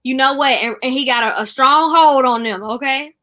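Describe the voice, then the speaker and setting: High bright-voiced teasing woman. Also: normal speed. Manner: teasing, emphatic, often exclaims "child". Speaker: co-host. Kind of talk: casual chat.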